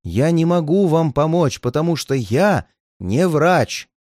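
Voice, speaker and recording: A man's voice: fairly high pitch, sing-song, fairly quick, dry recording. A man voicing a stern male detective who speaks dryly and firmly. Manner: dry and firm, sometimes gentle.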